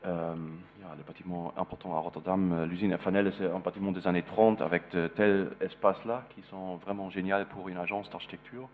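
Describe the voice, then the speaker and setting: A lowish-voiced man with a foreign, German accent gives a public lecture in a language that is not his native one. He speaks haltingly, searching for his words, and the sound is narrow like a phone line. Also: fairly even intonation. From East Germany. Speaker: visiting architect lecturer.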